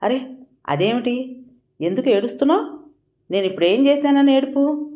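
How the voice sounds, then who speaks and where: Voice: medium pitch, lively intonation, normal speed, a little mellow, natural voice. Narrator doing a coaxing young groom. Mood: alarmed. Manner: coaxing, soothing. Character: young groom, eager then bewildered.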